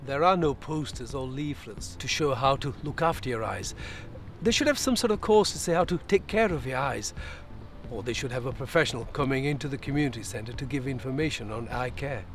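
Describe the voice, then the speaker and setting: A man's voice: medium pitch, animated, a little fast. Guy in his 40s sharing his views, faint music underneath. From Bradford, England. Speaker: community member giving views. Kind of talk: testimonial. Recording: soft music bed behind the voice.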